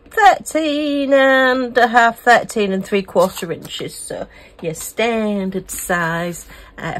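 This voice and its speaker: A middle-aged woman from the UK, chatting casually and gushing as she unboxes and reviews craft kits. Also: medium pitch. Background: a small fan humming.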